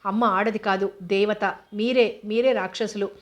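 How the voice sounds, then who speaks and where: A woman's voice: mid-range voice, steady tone, unhurried, natural voice. A woman reading as an impassioned young son. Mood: anguished. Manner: impassioned pleading speech. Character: grieving young man, passionate son.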